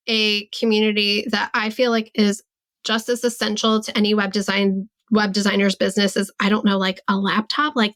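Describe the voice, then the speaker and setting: A woman's voice: mid-range voice, fairly bright tone. A woman in her forties hosting a solo podcast, talking candidly and reflectively about her business, often saying "like" and voicing her own thoughts as quotes. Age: 40s. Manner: reflective, candid, many "like" fillers. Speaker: podcast host and business coach. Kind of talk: casual solo podcast monologue.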